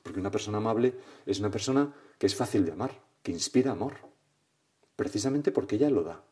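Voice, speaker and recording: A male priest guides a prayer meditation in a lowish, mellow voice, speaking fast. His tone is reflective and conversational, and he often ends his thoughts with a gentle question.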